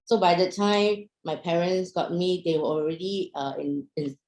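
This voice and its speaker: A woman's voice: fairly low pitch, fairly even intonation, moderate pace, darkish tone, reverberant, low-quality recording. A young woman, raised in Singapore after being born in Myanmar, gives a casual talk to an online audience, asking questions and using many fillers. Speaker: speaker at an online business talk.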